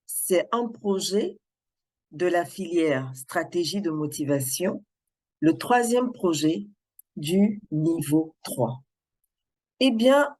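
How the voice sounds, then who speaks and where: A woman giving a prepared speech to a club, speaking in a measured, deliberate way. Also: fairly low pitch, warm tone.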